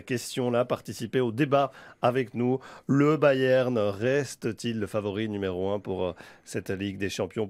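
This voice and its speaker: A man's voice: mid-range voice, darkish tone, dry recording. A man hosting a football talk show, hesitant with many fillers as he links segments and debates. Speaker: host.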